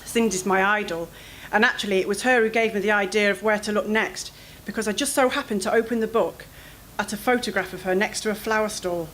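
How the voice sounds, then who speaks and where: A woman reading her own first-person fiction aloud at a literary event, in an expressive, anxious storytelling manner. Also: mid-range voice, fairly quick, few pauses, a little hiss or hum, poor audio.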